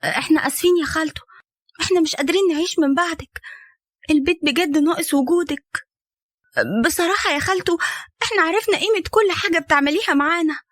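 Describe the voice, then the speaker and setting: A woman's voice: very high voice, a bit bright, no room sound, studio quality, voice pushed up. A woman voicing a remorseful eighteen-year-old girl with an Egyptian accent, pleading and apologetic. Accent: Egyptian Arabic.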